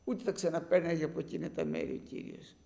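A man's voice: a little high, wildly swooping pitch, vocal fry, mellow. A man preaching a sermon, telling a story with animation and speaking directly to his listeners as brothers.

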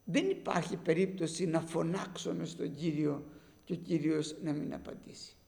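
A man's voice: a little high, fairly even intonation, vocal fry, darkish tone. A man preaching a sermon, telling a story with animation and speaking directly to his listeners as brothers.

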